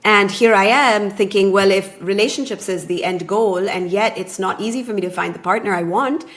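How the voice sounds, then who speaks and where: Podcast guest, female, 30s, relationship coach, mid-pitched voice, measured and reflective delivery. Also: fairly bright tone. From born in Taiwan, raised in Japan. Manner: thoughtful, measured storytelling. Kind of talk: conversational podcast interview.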